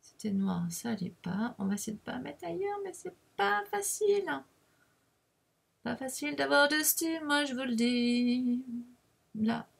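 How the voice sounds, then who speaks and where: A woman's voice: high voice, animated, measured pace, vocal fry, breathy edge. A middle-aged woman with a French accent chatting casually through a crafting tutorial, jokey and self-deprecating, dropping "hein" and fillers as she works. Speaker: craft video host. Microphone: webcam mic at the desk.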